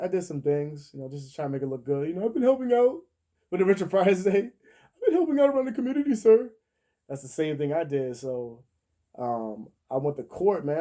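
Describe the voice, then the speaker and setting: A man's voice: a little high, warm tone. A man in his thirties telling a story in a casual, profane way, laughing often and acting out the people he quotes. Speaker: vlogger.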